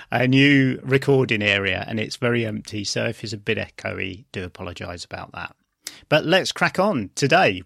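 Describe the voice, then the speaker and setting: Creaky male podcast host, whistling through his teeth. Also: fairly low pitch, fairly bright tone, no room sound, studio quality. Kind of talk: scripted but chatty podcast presenting.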